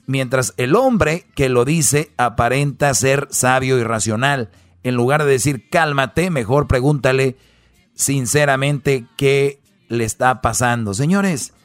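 A man's voice: medium pitch, no echo. A man hosting a comedy radio show, talking in a mocking, wisecracking way.

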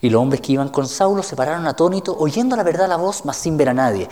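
Mellow-voiced male pastor in a hall. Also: a little high, lively intonation, quick pace. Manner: reads scripture aloud and asks the listeners questions. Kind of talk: sermon teaching. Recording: reverberant hall.

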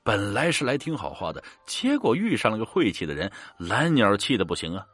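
A man's voice: fairly low pitch, big pitch swings, a bit bright, husky, no echo, faint music behind. A man narrating a ghost story in a colloquial storytelling manner. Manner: colloquial storytelling with drawn-out particles.

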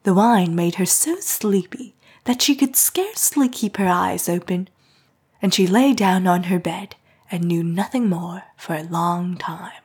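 Soft-spoken, breathy woman narrator. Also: fairly low pitch, a little slow. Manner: soft, hushed reading. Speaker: audiobook narrator. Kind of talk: scripted narration of a classic novel.

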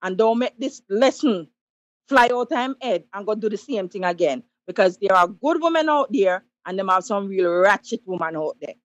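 A woman's voice: mid-range voice, lively intonation, moderate pace, no room sound, muffled recording. A Jamaican woman calling in to a talk show, giving emphatic, preachy advice in patois. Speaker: caller. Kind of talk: call-in radio commentary.

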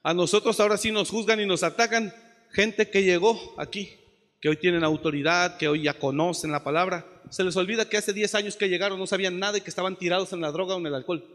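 A man preaching a passionate sermon as pastor, swinging from shouts to soft asides. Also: sits high, fast talker, in a large hall.

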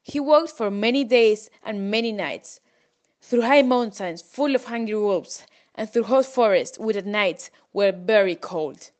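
A woman's voice: mid-range voice, measured pace, darkish tone. A woman reading a storybook aloud, plainly and with small slips.

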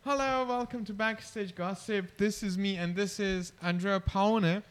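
Podcast host: light, high-pitched man with casual, brief prompts. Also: steady tone, a little slow, very noisy.

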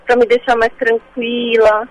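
A woman's voice: fairly high pitch, little pitch movement, measured pace, rough recording. A woman calling in to a show, heard over the phone, asking her question hesitantly and in short replies. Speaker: caller. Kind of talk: call-in question to a radio host.

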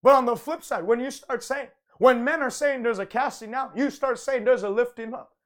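A man's voice: very high voice, steady tone, moderate pace. Fervent preacher man declaring with emphasis. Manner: repeats and restarts phrases. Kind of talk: broadcast sermon, conversational.

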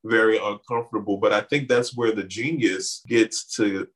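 A Bahamian man raised in Miami appears as a guest in an interview, an artist and community organizer with a fairly low voice and a moderate pace. He is an animated storyteller who fills his conversation with plenty of "you know."

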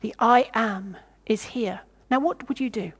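A woman's voice: on the high side, unhurried, slightly rough. A woman preaching a sermon, thinking aloud, putting questions to her listeners and sometimes stumbling over her words. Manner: reflective, asks the listeners questions.

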